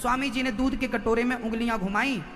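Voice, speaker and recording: A man's voice: very high voice, steady tone, fairly quick, a bit bright. A man giving a devotional sermon, telling stories and firing rhetorical questions at the listeners. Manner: storytelling, rhetorical questions to the crowd. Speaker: spiritual preacher. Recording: long hall reverb with faint music.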